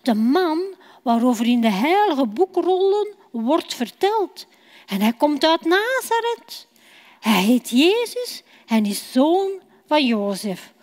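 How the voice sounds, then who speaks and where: Woman playing an excited young male disciple, eager, lively voice, long hall echo, storybook reading. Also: high voice, exaggerated voice. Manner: enthusiastic, raised and quick. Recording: long church hall reverb.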